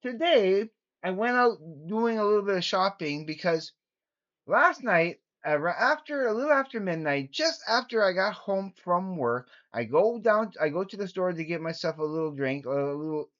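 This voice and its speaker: A man's voice: high-pitched, animated, moderate pace, a bit bright. A man vlogging casually to his viewers, rambling with frequent restarts and self-corrections. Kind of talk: casual chat to camera. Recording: dull lo-fi home recording.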